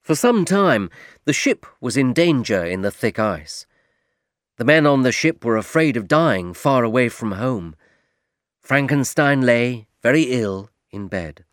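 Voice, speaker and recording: A male narrator reads a story aloud at an unhurried pace, spelling out each phrase with care. The voice is mid-pitched and sits close and dry, with no echo at all. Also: lively intonation. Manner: slow, careful reading. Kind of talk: scripted audiobook narration.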